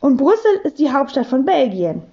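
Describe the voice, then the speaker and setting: A woman's voice: high voice, sing-song, moderate pace, dark tone, muffled recording. Woman doing a clever confident schoolboy.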